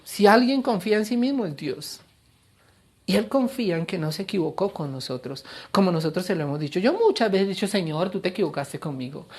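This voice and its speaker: A middle-aged male pastor giving a sermon, with an animated, playful delivery that acts out other voices. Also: high voice, fairly quick.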